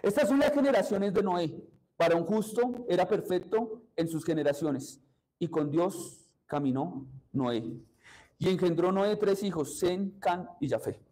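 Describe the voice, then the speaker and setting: A man's voice: high voice, lively intonation, measured pace, mellow, poor audio. A man, preaching a sermon as pastor and putting questions to the congregation.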